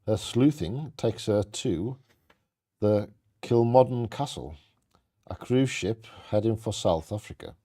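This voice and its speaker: A man's voice: fairly low pitch, animated, takes it slowly, dark tone. A man co-hosting a bingo game, reading scripted trivia aloud in a playfully theatrical storytelling way.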